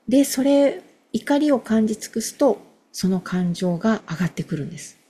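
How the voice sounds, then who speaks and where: A middle-aged woman chatting casually as a guest, telling animated stories and acting out the voices of people she quotes. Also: a little high, moderate pace, slightly rough. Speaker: guest, emotional wellness practitioner. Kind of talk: casual podcast conversation.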